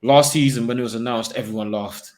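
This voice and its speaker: Animated young man talking football. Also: medium pitch, a little fast. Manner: animated, slangy, laughs often. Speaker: football pundit. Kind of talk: casual football chat.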